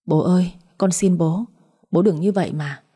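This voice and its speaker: Woman voicing a meek young daughter, polite pleading, low voice. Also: normal speed, warm tone, husky. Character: dutiful young adult daughter, meek and gentle.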